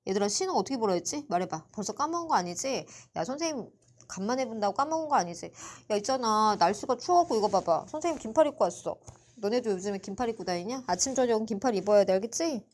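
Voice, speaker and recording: A woman teaching a live online literature class, chatty and playful as she teases her students. Her pitch swings up and down in lively jumps. Her casual, quick back-and-forth keeps the class moving. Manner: chatty, teasing, lively, quizzes students by name. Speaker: Korean literature tutor. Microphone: computer mic for a livestream.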